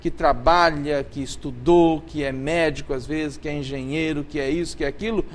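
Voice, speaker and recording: A man's voice: fairly high pitch, fairly even intonation, normal speed, slight background noise. A man, a pastor on a panel discussion about faith, explaining his point at length with hesitant restarts.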